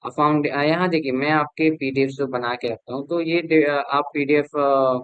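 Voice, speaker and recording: Young male instructor, smooth clear voice, dry close sound, halting casual lecture delivery. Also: on the high side, fairly even intonation, fairly bright tone, no room sound, lo-fi sound. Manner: explains informally with many fillers and restarts. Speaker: cybersecurity instructor. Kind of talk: online lecture.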